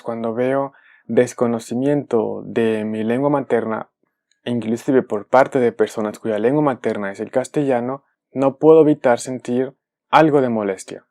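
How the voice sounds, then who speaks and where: Man calmly explaining a spelling lesson. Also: mid-range voice. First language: Spanish. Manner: measured, careful, repeats and rephrases himself. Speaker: language teacher.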